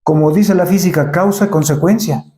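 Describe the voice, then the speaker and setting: A man's voice: high-pitched, brisk, warm tone, echoey room. A man preaching a sermon in a church, asking the congregation rhetorical questions and acting out Bible scenes.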